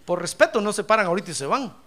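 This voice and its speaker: A man's voice: high-pitched, sing-song, very fast, bright, forceful tone, a faint crowd. A man preaching a sermon in church, emphatic and ironic, often calling his listener brother. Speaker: pastor.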